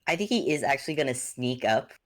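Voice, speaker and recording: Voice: mid-range voice, lively intonation, fast, no echo, studio quality. A player in a casual tabletop role-playing game, laid-back and hesitant, thinking aloud.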